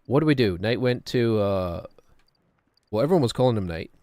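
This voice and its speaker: Middle aged guy streaming a game, lowish voice, dry close sound, wry and rambly. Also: animated, fairly quick, a little mellow, no echo. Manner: musing, wry, talks to himself. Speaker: gaming streamer. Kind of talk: casual rambling game commentary.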